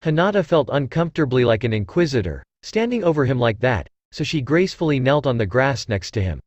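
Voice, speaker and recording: Expressive male story narrator. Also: medium pitch, brisk, dry recording, dull audio. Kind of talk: reading fan fiction aloud.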